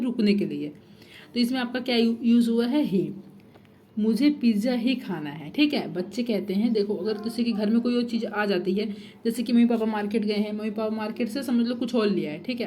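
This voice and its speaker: Young female tutor, slightly high voice, repetitive questioning delivery. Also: warm tone, a little hiss or hum. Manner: repetitive, asks and answers own questions; frequent "theek hai" checks. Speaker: teacher. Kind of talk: Hindi grammar lesson.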